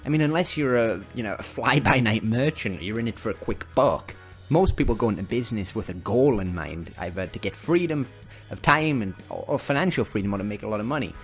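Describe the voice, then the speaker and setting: A man from northeast England, with a northern English accent, gives casual direct-to-camera advice as a business owner, sounding like a sales-pitch vlog. He's expressive, brisk, chatty, upbeat and salesy, dropping chuckling asides, with faint music underneath.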